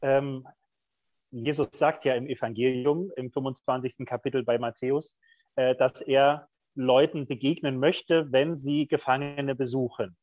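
A man's voice: mid-range voice, steady tone, measured pace, darkish tone, dry recording, lo-fi sound. A middle-aged man, a prison chaplain, speaking candidly and thoughtfully in an interview, with frequent hesitations. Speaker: prison chaplain, podcast guest. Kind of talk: reflective conversational interview.

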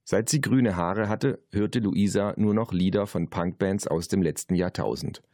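Ein Mann liest ein Kinderhörbuch vor, lebendig erzählend und trocken pointiert. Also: male voice, deep voice, moderate pace, a little mellow, no room sound, studio quality. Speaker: Hörbuchsprecher. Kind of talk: Hörbuchlesung.

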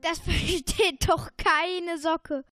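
A woman's voice: extremely high pitch, fairly even intonation, drawn-out words, fairly bright tone, faint music behind, full character voice. A woman voicing a curious, skeptical earthworm in a radio play, asking questions in disbelief. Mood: puzzled. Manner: questioning, incredulous.

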